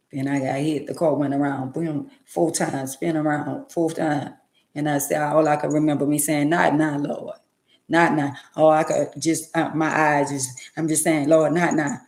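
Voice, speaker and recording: A woman's voice: low-pitched, a little mellow, echoey room. A woman around sixty, talking emphatically and repetitively in a preachy, casual way on her livestream. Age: 60s. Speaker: livestream host.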